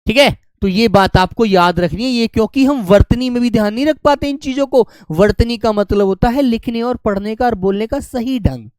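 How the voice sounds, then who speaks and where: A man teaching an online grammar class, fondly calling his students "beta" and repeating key words slowly for them to write down. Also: sits high, a little mellow, smooth, no room sound. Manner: affectionate, calls students "beta" and "my dear children".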